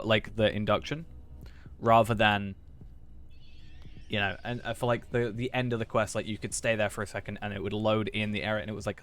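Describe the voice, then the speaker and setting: A man's voice: fairly low pitch, fairly bright tone. A man streaming a game, chatting casually and reading quest text aloud. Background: game music.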